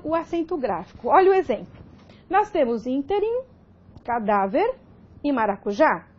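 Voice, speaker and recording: A woman's voice: sits high, lo-fi sound. A woman teaching grammar in a recorded video lesson, explaining step by step and checking in with frequent "ok?".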